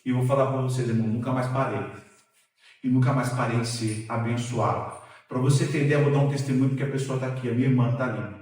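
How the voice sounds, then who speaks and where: A man preaching a sermon as pastor, telling a personal testimony in an animated, storytelling way, heard in a church sanctuary. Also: mid-range voice. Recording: very echoey church hall, distant mic.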